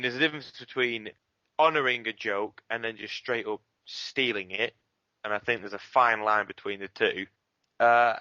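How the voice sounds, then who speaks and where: A man who writes scripts for an abridged series, chatting casually in an interview, quick and self-deprecating. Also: mid-range voice, pushed and bright, no room sound. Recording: dull lo-fi voice chat audio.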